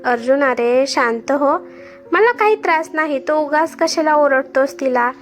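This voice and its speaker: A woman voicing an older, gentle mother-in-law in a spoken storybook, soothing and placating. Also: high voice, unhurried, faint music behind.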